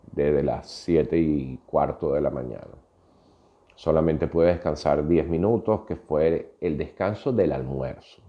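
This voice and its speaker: A man's voice: a bass voice, phone-quality sound. A Venezuelan man in his fifties with a Venezuelan Spanish accent, telling a personal story in a reflective podcast monologue with frequent hesitations. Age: 50s. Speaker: podcast host.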